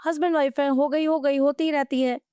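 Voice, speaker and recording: A woman's voice: high voice, fairly quick, dry recording, clean studio sound. A woman astrologer, the guest on a podcast interview, giving earnest advice and telling stories from her own life. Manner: animated storytelling, anecdotes from her own life; advising, earnest.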